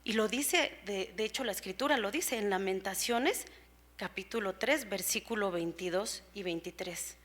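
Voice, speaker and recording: A woman's voice: medium pitch, normal speed, a bit bright. A woman preacher giving a sermon in an earnest, explanatory way, with rhetorical questions and frequent fillers, in a church.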